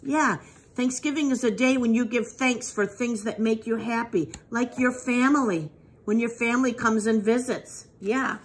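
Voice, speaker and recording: A woman's voice: a little high, moderate pace, slightly rough. A woman teacher reading a picture book aloud to young children, patiently asking them questions and praising their answers. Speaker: preschool teacher.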